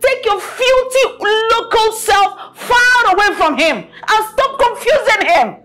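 A scornful, scolding middle-aged mother in a film drama, her voice high and swinging widely as she speaks slowly. She repeats herself as she berates, with faint music underneath. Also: big pitch swings. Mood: furious. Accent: Nigerian. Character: stern, scornful mother of a grown son.

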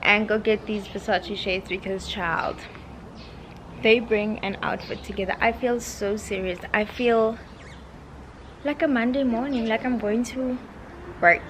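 Talking to the camera at arm's length, this 21-year-old South African woman vlogs in a casual, playful way, full of sassy slang. Her voice is mid-range and her pace measured. Background noise is clearly audible.

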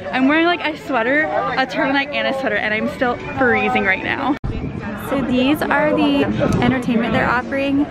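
A chatty young woman with a slightly high voice speaks through a face mask to her handheld camera. She is outdoors at a busy theme park, with a loud crowd and music all around her. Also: normal speed. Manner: chatty and upbeat. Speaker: vlogger. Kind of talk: casual vlog narration.

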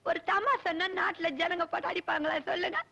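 An actress playing a naive young village maid who giggles and wails like a child. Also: female voice, very high-pitched, steady tone, quick pace, vocal fry, sharp tone, heavily acted. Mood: wailing. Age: young adult. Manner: giggly, then wailing like a child. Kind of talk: film comedy acting.

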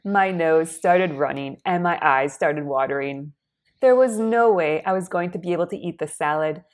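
A young woman vlogger telling a personal story to camera in a soft, partly whispered voice. She is congested, speaks slowly and carefully in plain words, and clears her throat often. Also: sits low. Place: indoors against a plain wall.

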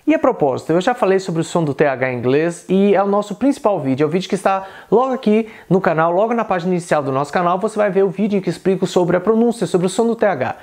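A man with a Brazilian Portuguese accent teaching an English pronunciation lesson, repeating each example word slowly and carefully. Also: sits high, expressive, a little mellow.

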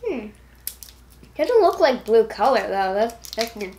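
A high, lively woman chewing candy through her words and giggling between bites. She talks slowly, murmuring her reactions as she tastes. A faint hiss sits behind her. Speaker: taste tester. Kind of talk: casual taste-test chat.

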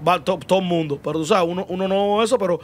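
A man hosts in a notably high voice. He relays audience questions with careful politeness and gently probes his guests. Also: fast talker. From Cuba. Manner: reads viewer questions, polite and probing. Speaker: host. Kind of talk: casual interview.

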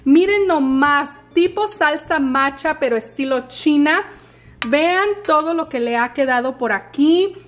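A woman's voice: high voice, a little slow. A woman in her thirties hosting a casual cooking vlog from her home kitchen, chatty and upbeat as she talks straight to viewers. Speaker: cooking channel host.

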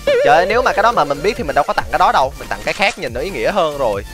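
Man, game streamer, high voice, rapid excitable talk, game music underneath. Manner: fast, excitable, exclaims often. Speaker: gaming streamer.

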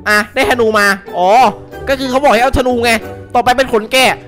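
A young man giving excitable, casual co-op game commentary, yelping and laughing often. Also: very high voice, brisk. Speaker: gaming YouTuber. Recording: music playing behind.

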